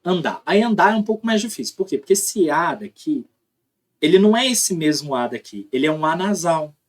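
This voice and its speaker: A man with a Brazilian Portuguese accent delivers a recorded linguistics lesson. He explains patiently, pauses to pronounce sample words aloud, and keeps checking that the listener is following. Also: on the high side, lively intonation. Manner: explanatory, demonstrates sounds aloud, frequent tag questions. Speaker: linguistics teacher.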